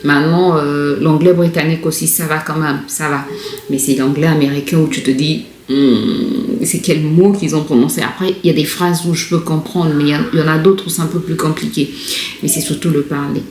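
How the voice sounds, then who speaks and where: A woman chats through a home vlog, her voice a little low, stopping often to restart or fill a pause. The room is echoey, with a faint hum of noise behind her. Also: fairly even intonation, darkish tone. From Congo. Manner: chatty, hesitant, many fillers and restarts. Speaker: vlogger. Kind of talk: casual vlog chat.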